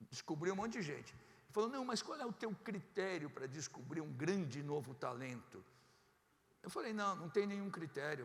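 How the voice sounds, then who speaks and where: Homem mais velho contando histórias num salão. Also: male voice, on the high side. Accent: Brazilian Portuguese. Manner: anecdotal, quotes dialogues, playful. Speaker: keynote speaker. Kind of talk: storytelling talk to a live audience. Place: large event hall. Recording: hall reverb.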